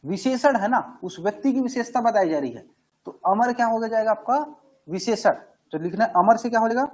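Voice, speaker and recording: A man teaches a grammar class. His voice sits high for a man and has a husky edge. He keeps it conversational, putting questions to the class and answering them himself. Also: lively intonation, brisk, a little mellow, low-quality recording.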